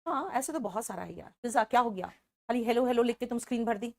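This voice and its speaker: ऊँची आवाज़ वाली महिला शिक्षक, हिंदी लहजा. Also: female voice, on the high side, animated, quick pace, creaky, a little mellow. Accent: Hindi. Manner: explains step by step, calls on students by name. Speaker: English teacher. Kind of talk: online class lesson.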